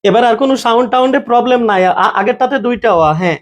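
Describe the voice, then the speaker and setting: A man's voice: extremely high pitch, rapid-fire. A man teaching a live online grammar class. He keeps asking his students questions, repeats them, and checks often that they understand. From Bangladesh.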